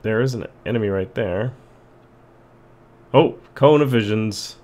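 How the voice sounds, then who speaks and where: This gaming channel host has a lowish, slightly mellow voice and an unhurried delivery. During his let's play he makes casual comments, reads the game's on-screen text out loud with a chuckle, and hums along.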